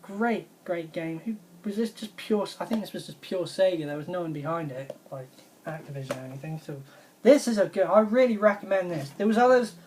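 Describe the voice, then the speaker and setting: A woman with a fairly low voice, chatting casually about retro games she loves. She gushes and rambles, circling back to the same praise again and again. A faint hiss sits under the recording. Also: fairly quick, a little mellow. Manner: enthusiastic, rambling, repeats praise. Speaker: video game vlogger. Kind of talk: casual video game review vlog.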